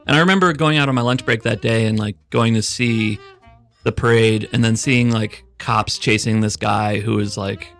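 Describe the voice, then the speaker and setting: A man's voice: lowish voice, fairly even intonation, moderate pace, fairly bright tone, faint music behind. A man hosting a radio show in a studio, chatting casually and laughing easily with his guest. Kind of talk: casual on-air chat.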